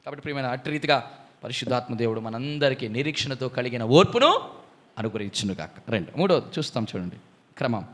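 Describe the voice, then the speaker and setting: A man preaching a Bible study sermon, often putting questions to his listeners and swinging from loud exclamations to low, quiet emphasis. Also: very animated, quick pace. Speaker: pastor.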